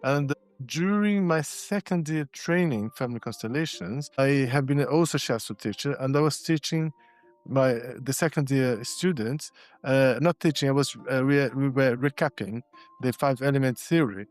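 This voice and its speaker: A man's voice: medium pitch, moderate pace, soft background music. A man, a podcast guest telling his story reflectively, often restarting and repeating words. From Brazil. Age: 60s. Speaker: guest, constellations facilitator and shiatsu practitioner. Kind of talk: casual podcast interview.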